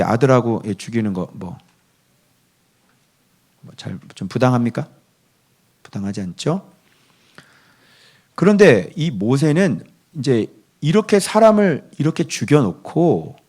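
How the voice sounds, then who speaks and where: A man preaching a morning devotional sermon, his pitch swinging widely as he talks. He keeps asking his listeners whether they agree and answers for them. Quoted verses drop to a near whisper. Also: a little mellow, husky. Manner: asks the listeners for constant agreement, answers himself. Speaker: pastor.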